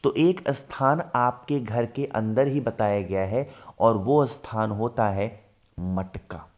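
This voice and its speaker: A man teaching household ritual steps, often asking a question and then answering it himself, slowing down to stress key steps. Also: lowish voice, dull audio. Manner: asks and answers his own questions. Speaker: religious ritual instructor. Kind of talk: devotional how-to teaching.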